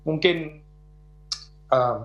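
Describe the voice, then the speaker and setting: A man's voice: fairly high pitch, very slow, dull audio. A man, a pastor, answering audience questions in a conversational way, with many small fillers and worked examples. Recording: roomy echo.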